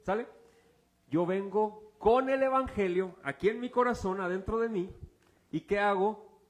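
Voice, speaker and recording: A man's voice: high voice, unhurried. A man preaching a sermon as pastor, informal and joking, quizzing his congregation with fill-in-the-blank questions. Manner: informal and joking, uses object illustrations.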